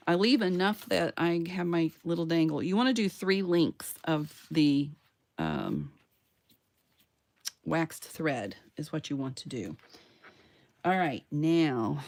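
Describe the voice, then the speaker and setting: Low, gravelly woman chatting through a craft. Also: a little mellow. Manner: chatty, talks to herself while working; playful sound words and self-cheering. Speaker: craft channel host. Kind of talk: casual crafting tutorial.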